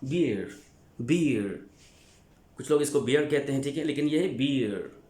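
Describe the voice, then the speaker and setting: A man's voice: mid-range voice, expressive, a little slow, dark tone. A male teacher from Pakistan giving a vocabulary lesson, repeating each word and spelling it out letter by letter. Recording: echoey room.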